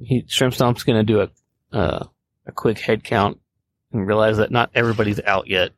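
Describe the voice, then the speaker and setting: A man playing a tabletop game, describing his character's moves in a playful, excitable way. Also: fairly low pitch, moderate pace. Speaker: player.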